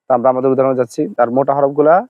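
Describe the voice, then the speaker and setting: A man teaching Arabic letter pronunciation, patiently repeating each sound slowly to demonstrate it. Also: mid-range voice, little pitch movement, no room sound, phone-quality sound. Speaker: Quran recitation teacher.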